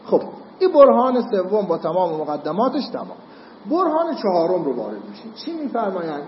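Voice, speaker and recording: In an echoey hall, a seminary teacher walks students step by step through Islamic jurisprudence, often pausing to ask "got it?". His high voice swings hugely in pitch, and the muffled, lo-fi recording carries a little hiss or hum.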